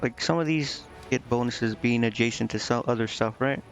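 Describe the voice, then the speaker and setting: Over game music, a male streamer thinks out loud while playing a strategy RPG, casually muttering as he figures things out. He speaks at a normal speed in a medium-pitched voice.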